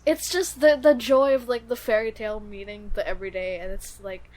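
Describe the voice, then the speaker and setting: A woman's voice: medium pitch, steady tone, a little fast, a little mellow. A woman co-hosting a podcast, chatting with enthusiasm, giggling and restarting her sentences as she rambles. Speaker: podcast co-host. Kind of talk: casual chat.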